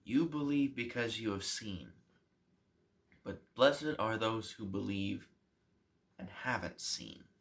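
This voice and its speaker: A man voicing a calm, tender teacher who speaks softly and slowly. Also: lowish voice, creaky. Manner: soft, hushed and slow.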